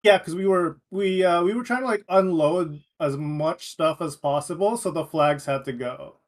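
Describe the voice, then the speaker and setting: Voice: mid-range voice, moderate pace. A player speaking in character in a tabletop role-play game, breezy and evasive, with lots of "like".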